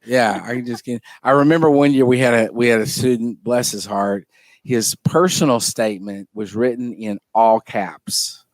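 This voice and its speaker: A man's voice: mid-range voice, normal speed, no room sound. A man, a former admissions director, chatting casually and telling stories with easy fillers. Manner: relaxed storytelling with fillers, clears throat. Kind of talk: casual chat.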